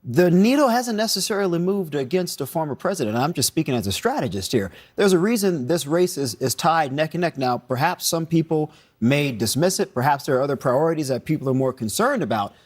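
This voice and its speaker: A man speaking as a political strategist, giving measured analysis on a panel. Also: a little high, expressive. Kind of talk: panel debate commentary.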